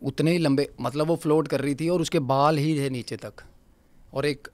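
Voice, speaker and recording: A man's voice: a little high, steady tone, normal speed, no room sound. Male podcast guest, vivid storyteller, repeats lines for weight, dry close sound. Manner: vivid storyteller who repeats phrases for emphasis; mixes English words into his speech. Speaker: guest paranormal researcher. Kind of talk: recounting a ghost encounter in a podcast interview.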